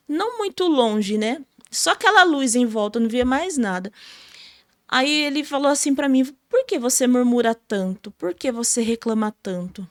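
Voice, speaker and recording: A woman's voice: high voice, dry recording, clean studio sound. A Brazilian woman, a gospel singer, telling her personal testimony in a podcast interview with emotional storytelling. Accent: Brazilian Portuguese. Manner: emotional storytelling, many fillers like "sabe?".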